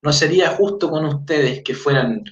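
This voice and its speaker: Fairly high-pitched and fairly bright in tone, this Chilean man talks at normal speed while teaching his language in a chatty way. He reads greetings, checks in often with "¿ya?", and uses fillers; he's an adult with a four-year-old daughter. The lo-fi audio is roomy, dull and distant.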